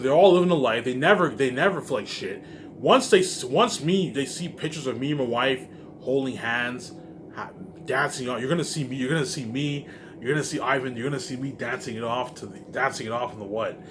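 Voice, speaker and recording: Faint laundry-machine noise sits behind a man with a brisk, medium-pitched voice who rambles casually at his viewers. His delivery is emphatic and profane, repeating itself and relying on the same verbal tags.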